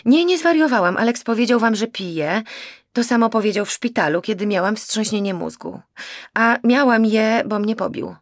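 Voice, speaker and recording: A woman's voice: mid-range voice, expressive, moderate pace, gravelly, no echo, clean studio sound, pitched above the performer's own voice. A woman voicing an agitated, exasperated young woman in an audiobook, pleading and raising her voice. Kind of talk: audiobook character voice.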